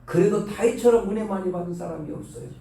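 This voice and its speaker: A man's voice: high-pitched, fast talker, dark tone, recorded from a distance, a little hiss or hum. A male pastor preaching a fervent dawn sermon in a church sanctuary, urging the congregation to pray. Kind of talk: dawn prayer service sermon. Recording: very echoey hall, voice from afar.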